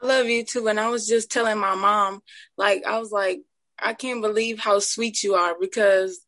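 A woman's voice: medium pitch, fairly even intonation, moderate pace, a bit bright, dry recording, poor audio. Gushing young woman caller. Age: young adult. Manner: gushing, fills her speech with "like". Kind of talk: casual chat.

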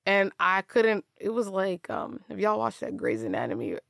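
A woman's voice: medium pitch, very animated, normal speed, gravelly, fairly bright tone, no room sound, studio quality. A young woman telling her own story in a candid, conversational way, often laughing and restarting her sentences. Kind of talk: personal storytelling monologue.

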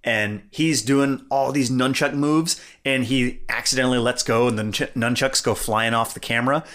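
A man's voice: medium pitch, normal speed. Chatty man retelling movie scenes. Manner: animated retelling of scenes, laughs often. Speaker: podcast co-host. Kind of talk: casual movie review chat.

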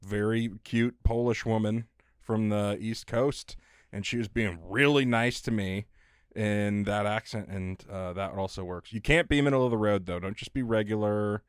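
Man, podcast co-host, low voice, dry sound, loose and profane, laughs a lot. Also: normal speed, smooth, dry recording. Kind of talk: casual podcast chat.

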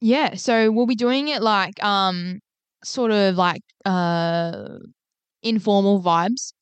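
A woman chats on a podcast at a middling pitch, rambling and stopping to restart, dropping fillers and swear words. She is recorded in a studio on a close microphone. The sound is dry and close. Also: takes it slowly, smooth, no room sound. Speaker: podcast co-host. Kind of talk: casual chat.

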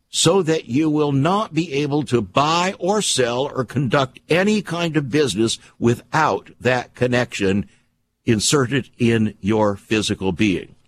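A man hosting a talk program, delivering an emphatic, alarmist and conspiratorial opinion monologue in a deliberate way, with rhetorical questions and repetition. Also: medium pitch, slight background noise. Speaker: radio program host.

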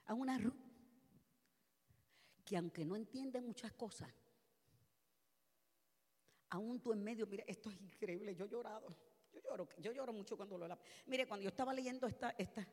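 A woman pastor preaching a passionate sermon, moving from soft, quiet passages to loud shouted ones. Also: mid-range voice, normal speed, long pauses, in a large hall. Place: church.

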